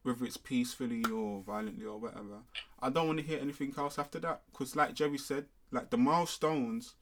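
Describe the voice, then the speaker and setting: A man's voice: mid-range voice, a bit bright. A young man with a London roadman accent and street slang, making points emphatically in casual discussion and often checking he's understood. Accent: London, multicultural urban slang (roadman). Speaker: discussion panellist.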